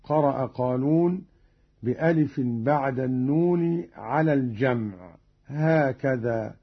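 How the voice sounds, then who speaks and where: A man teaching Quran recitation variants, explaining each rule in a measured way and then intoning the verse as an example, on a dull lo-fi recording. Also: mid-range voice, breathy edge.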